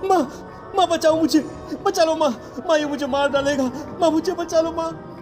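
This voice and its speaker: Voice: extremely high pitch, moderate pace, music in the background. An actor voicing a frightened, clingy teenage schoolboy in a horror cartoon, hesitant and repeating pleas. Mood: panicked. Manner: hesitant, repetitive pleading. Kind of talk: melodramatic horror cartoon acting.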